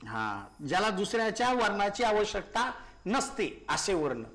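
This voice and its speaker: A man's voice: high-pitched, sing-song, normal speed, a bit bright. A male teacher giving a grammar lesson, asking questions and answering them himself, repeating key words and often calling his listeners brothers.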